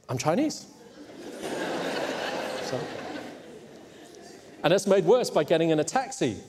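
A man from Hong Kong with a medium-pitched, somewhat dark voice preaches a sermon with emphasis, now and then teasing his congregation. He is a pastor speaking in a church, and the recording carries a long hall reverb.

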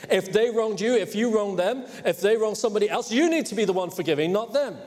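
This Hong Kong pastor's sermon is emphatic, sprinkled with teasing jabs at the congregation, and echoes with long hall reverb through the church. He has a high male voice with a darkish tone.

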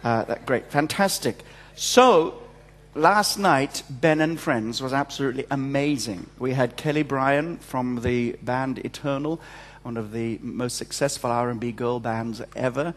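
A man with an ordinary mid-pitched voice speaks into a pulpit microphone, jovial and self-mocking as he gives church notices. His voice rings through a large church hall with a long, trailing reverb. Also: a little slow. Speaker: church service leader giving announcements.

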